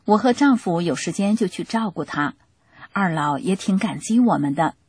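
A woman reading a testimony aloud in a steady, plain storytelling way. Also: on the low side, moderate pace, slightly rough, no echo.

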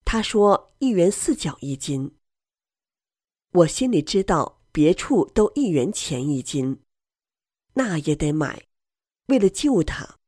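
A woman reading a first-person story aloud in a slow, measured storytelling manner. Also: low-pitched, darkish tone, husky, dry recording, clean studio sound. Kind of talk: scripted narration.

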